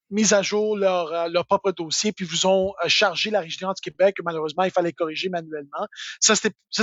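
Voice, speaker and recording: A man's voice: high voice, no room sound, lo-fi sound. A man with a Québécois French accent answering tax questions live, informal and full of fillers.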